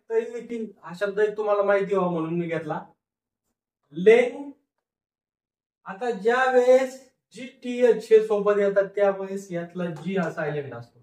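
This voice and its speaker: Male teacher, high pitch, slow syllable-by-syllable drilling, mic set back from him. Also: distant mic. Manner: slow, repetitive syllable-by-syllable sounding out. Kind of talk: phonics lecture, sounding out words. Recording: echoey room, voice from off the mic.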